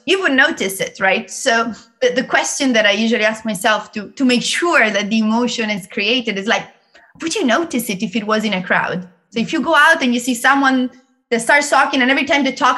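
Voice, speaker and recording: A woman with an Italian accent, a guest in an interview, explaining learning techniques in a lively way and laughing often. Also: on the high side, moderate pace. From Italy. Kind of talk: interview conversation.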